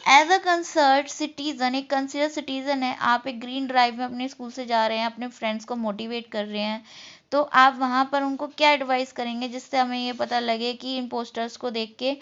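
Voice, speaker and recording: A woman teaching a class, explaining each point in Hindi and reading the English lines slowly. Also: sits high, steady tone, fairly bright tone, clear, resonant tone, muffled recording. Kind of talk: class lesson explaining a textbook unit.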